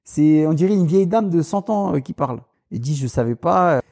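Interviewee, man, Tunisian family, grew up in France; hesitant, restarts, somewhat high, dark tone. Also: lively intonation, fairly quick. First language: Tunisian Arabic. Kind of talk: casual conversation.

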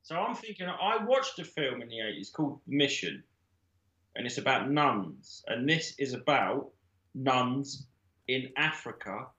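A man pitches a ridiculous film plot in a rambling, comic way, his voice bright and swooping up and down. The room around him rings with echo, and he acts out each line with gusto. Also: a little slow, lo-fi sound. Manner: rambling, animated, breaks into laughter while acting out scenes. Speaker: podcast guest pitching made-up films. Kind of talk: comedic storytelling chat. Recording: roomy echo.

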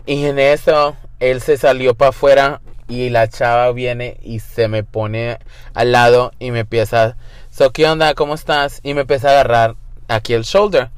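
A campy guest storyteller, a young man with a clean, medium-pitched tone, tells a crude story casually. He mixes crude slang across English and Spanish, recorded without echo.

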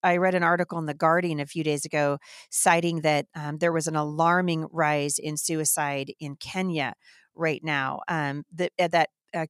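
Indignant low-voiced woman host. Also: dry recording, clean studio sound. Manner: indignant, emphatic, fast-flowing. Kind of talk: impassioned devotional talk.

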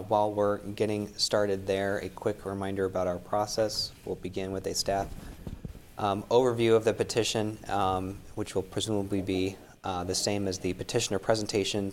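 Male committee chair, low and level, running formal procedure over a meeting room mic. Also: little pitch movement, normal speed, a little hiss or hum. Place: council chamber meeting room.

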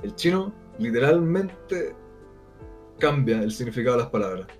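A man's voice: medium pitch, big pitch swings, normal speed, faint music behind. Blunt Chilean man ranting casually. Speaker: co-host. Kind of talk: casual podcast chat.

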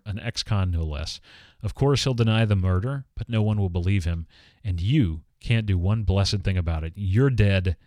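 A gloating, spiteful tycoon villain, read aloud by a man in a low voice. He boasts over a fallen rival. The sound is close and dry, with no room around it. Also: darkish tone, dry recording, close to an everyday voice. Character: gloating ruthless male villain tycoon, middle-aged.

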